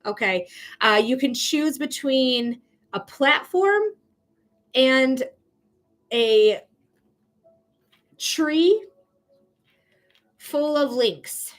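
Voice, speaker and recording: Very slow and animated, with frequent pauses, a woman's high-pitched voice leads a casual psychic reading livestream. The host is bubbly and chatty, has a Michigan accent, comes from Michigan in the United States, and laughs often while addressing viewers.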